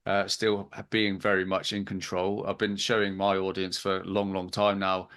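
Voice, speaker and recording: A man's voice: low voice, completely flat delivery, normal speed, a bit bright. A man hosting an interview, effusive toward his guest, asking long rambling questions. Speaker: host. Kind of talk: interview over video call.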